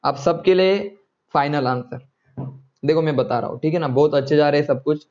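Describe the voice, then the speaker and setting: A man's voice: fairly high pitch, brisk, darkish tone, dull audio. A man teaching chemistry in an online class, coaxing students and checking often whether they follow.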